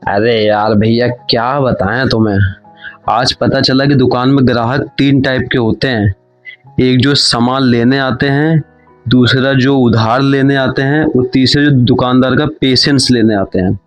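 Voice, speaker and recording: A man's voice: medium pitch, steady tone, a little slow, lo-fi sound, faint music behind, close to an everyday voice. A man voicing a naive but witty young village man who talks in a cheeky, playful rustic way.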